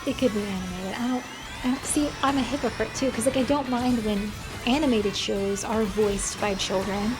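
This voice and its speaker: A woman's voice: medium pitch, poor audio. An American woman giving casual, opinionated commentary in a blunt, wry, conversational way. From United States. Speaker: video commentator. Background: music.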